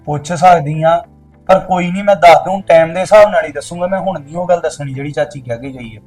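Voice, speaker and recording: A man's voice: fairly high pitch, fast, a little mellow, soft background music, close to an everyday voice. An actor playing a young soldier husband who answers his wife in a curt, guarded, dismissive way.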